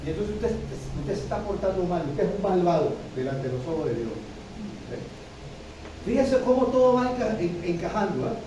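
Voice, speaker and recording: A man's voice: sits high, expressive, moderate pace, noisy background. A man preaching a sermon. He repeats himself and keeps checking in with his listeners by asking "¿sí?". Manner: repetitive, addresses listeners with frequent "¿sí?". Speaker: pastor. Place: church hall. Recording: echoey room, from far off.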